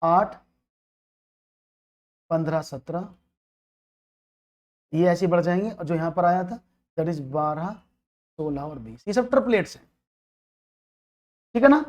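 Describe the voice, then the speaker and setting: Speaking in a high-pitched voice with lively intonation, this maths teacher keeps a measured pace and pauses often. His online exam-prep lecture walks through problems one step at a time, sprinkled with English phrases and frequent checks on whether students are keeping up.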